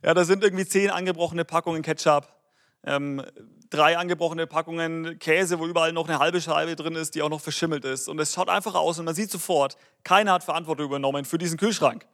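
A man in his thirties preaching a sermon, talking straight to the listener in an encouraging, direct way and slowing down to stress key words. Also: on the high side, steady tone, fairly bright tone. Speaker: pastor.

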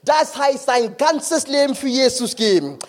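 A man's voice: very high-pitched, animated, unhurried. A male preacher giving an impassioned sermon at a conference, firing questions at the congregation. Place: conference hall.

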